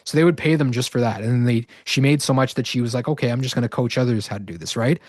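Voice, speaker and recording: Brief: male webinar host, mid-range voice, dry close sound, a bit hoarse, keeps asking "right?". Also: medium pitch, fast, darkish tone, no room sound. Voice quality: verbal tic, repeating "right?". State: slightly hoarse. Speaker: online course host. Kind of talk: live webinar sales pitch.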